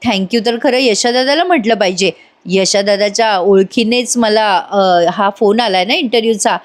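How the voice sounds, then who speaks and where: A woman voicing a gentle, sensible young wife who speaks politely. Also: mid-range voice, normal speed, close to an everyday voice.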